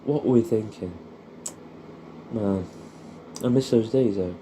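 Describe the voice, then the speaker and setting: This audio creator is a young English-accented man whose lowish, soft, mellow voice moves slowly as he reminisces to an old mate. His talk is casual and intimate: nostalgic rambling, free swearing, and little questions tacked onto statements. Faint background noise comes through a rough recording.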